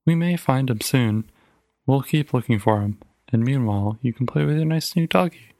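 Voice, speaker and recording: A man's voice: mid-range voice, expressive, moderate pace, mellow, dry recording, close to an everyday voice. A man voicing a stern, determined mother, reading her lines firmly and insistently in a storybook reading. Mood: coaxing. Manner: firm, clipped and insistent.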